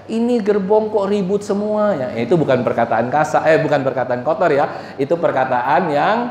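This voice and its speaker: A man's voice: on the high side, animated, moderate pace, a little mellow. A man preaching a sermon as pastor, joking and putting questions to the congregation. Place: church hall. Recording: echoey church hall, faint room noise.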